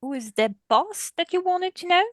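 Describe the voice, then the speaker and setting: A woman's voice: very high-pitched, lively intonation, normal speed, no room sound, studio quality. A woman chatting casually as a player in a tabletop role-playing game.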